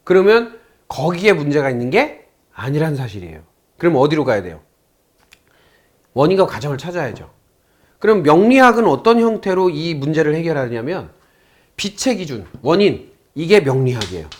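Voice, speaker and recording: A man's voice: a little high, big pitch swings, moderate pace. A man lecturing a class on saju fortune-telling. He tells a story by acting out both sides of a phone call and puts questions to his students.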